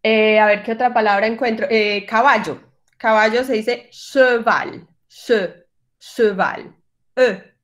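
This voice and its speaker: Woman, diction teacher, video call, patient, demonstrates sounds slowly, higher voice. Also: steady tone. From Colombian Caribbean coast. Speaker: French diction teacher for singers. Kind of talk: online workshop lesson.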